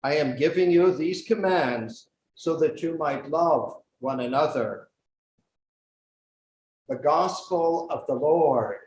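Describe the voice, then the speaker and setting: A bishop leads prayer and reads the gospel, slow and deliberate, his fairly high voice carried by a cathedral echo. Faint church ambience hums underneath the long reverberant tail of each phrase. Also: a little mellow. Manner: slow, measured, solemn delivery. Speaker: bishop presiding at Mass. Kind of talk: liturgical prayer and scripture reading. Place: large church.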